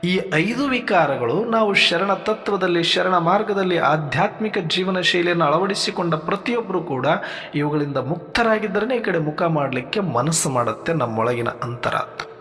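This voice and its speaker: A man giving a sermon in a measured teaching manner, asking rhetorical questions and listing points for his listeners. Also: high-pitched, animated, fairly bright tone. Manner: rhetorical questions, lists, addresses listeners as brothers. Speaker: spiritual speaker. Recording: long hall reverb with faint music.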